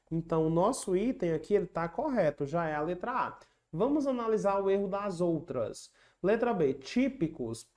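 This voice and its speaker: A patient teacher walking students through exam questions in an online lesson, saying each rule more than once. The voice sits at a middle pitch, and the delivery slips into chanted rhymes to make the rules stick. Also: a little mellow. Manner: patient and explanatory, repeats key rules; chants rhyming memory tricks.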